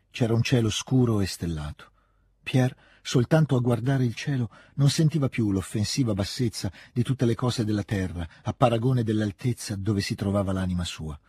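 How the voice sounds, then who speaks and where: A man reads a classic novel aloud, calm and measured, in a studio. His voice is very husky and dark, pitched low. The sound is dry and close to the mic. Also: dry recording. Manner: calm, measured literary reading. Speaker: audiobook reader.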